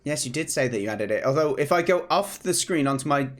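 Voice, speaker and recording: This British game developer in his thirties streams a casual devlog at a desk mic in his home office, sounding a bit hoarse. His voice sits a little high, animated and fast, as he chats and rambles with restarts.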